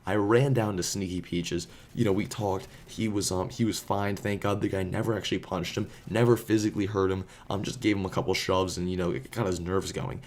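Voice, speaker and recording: A man's voice: low voice, fairly even intonation, a little fast, few pauses, darkish tone, slight background noise. A man casually telling a story, rambling with lots of fillers. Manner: rambling, filler-heavy, laid-back. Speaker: storyteller and vlogger.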